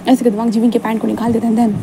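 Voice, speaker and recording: A woman's voice: on the high side, little pitch movement, rapid-fire, gravelly, noisy background. A woman casually narrating a fan fiction story in a chatty, informal way. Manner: chatty, informal, many restarts and fillers.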